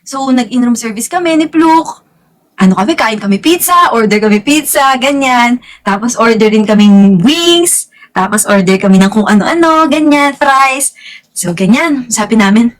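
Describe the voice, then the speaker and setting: High-pitched gushing young woman. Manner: animated, gushing, drawn-out exclamations and giggles. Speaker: vlogger. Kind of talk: casual storytelling chat.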